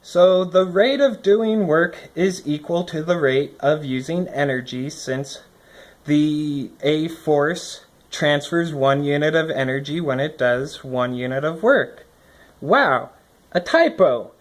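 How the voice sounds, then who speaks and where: Taking it slowly in a mid-range voice, someone reads a lesson script aloud and talks through their thinking as they explain it. The audio comes from a phone recording from above an indoor desk.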